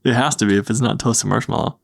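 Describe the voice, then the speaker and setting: A man's voice: lowish voice, fast, creaky. A man co-hosting a podcast in casual chat, emphatic and repeating phrases, disgusted while eating and smelling gross jelly beans. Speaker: podcast co-host. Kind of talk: casual chat during a food dare.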